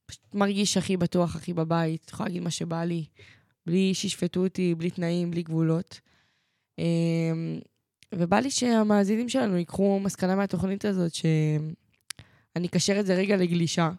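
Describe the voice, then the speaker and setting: A woman's voice: lowish voice, fairly even intonation, warm tone, no room sound, clean studio sound. A woman co-hosting a talk show, telling personal stories in a chatty, reflective way. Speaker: co-host. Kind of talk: casual chat.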